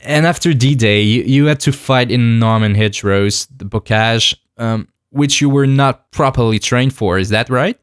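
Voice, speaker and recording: A man's voice: medium pitch, a little slow, few pauses, smooth. A man asking questions as the interviewer in a spoken history interview.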